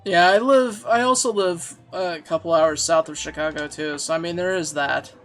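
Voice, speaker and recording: A man streams a game from home, chatting casually while he plays and reads chat, laughing easily and poking fun at himself. His voice is fairly high and fairly bright, at a moderate pace, with faint music in the background.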